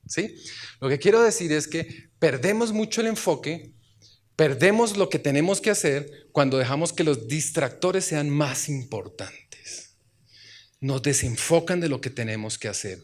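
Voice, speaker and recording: His voice sits on the high side, with lively intonation and a normal speed. He is a man delivering a church sermon who chats with the congregation, throws out rhetorical questions and breaks into loud exclamations.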